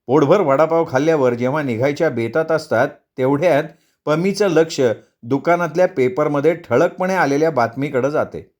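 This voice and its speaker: A man narrating a comic story, lively and theatrical. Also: fairly high pitch, normal speed. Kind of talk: storytelling reading.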